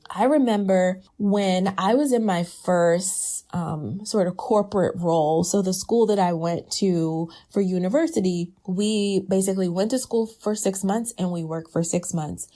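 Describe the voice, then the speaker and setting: A woman's voice: medium pitch, warm tone. A woman business coach giving conversational, emphatic advice to entrepreneurs, now and then laughing lightly. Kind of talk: casual advice talk.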